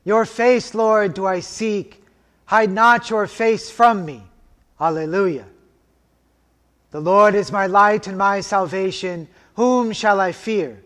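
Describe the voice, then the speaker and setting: Man, officiant, solemn intoning, unhurried, cathedral echo, long church reverb. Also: sits high, a bit bright. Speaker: liturgical officiant. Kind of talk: slow intoned liturgy and scripture reading.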